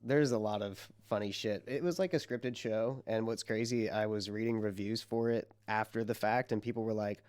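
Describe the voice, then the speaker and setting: A man's voice: lowish voice, steady tone, moderate pace, few pauses, a little mellow, smooth. A tired young man co-hosting a casual podcast, rambling loosely with laughs and swearing, his voice a little strained. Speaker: podcast co-host. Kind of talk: casual chat.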